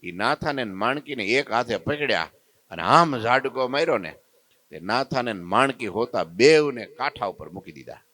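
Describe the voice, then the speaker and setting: A man, a preacher telling a devotional story in a lively way and acting out its characters. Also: medium pitch, normal speed, no echo. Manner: lively, acts out the story's characters in their voices.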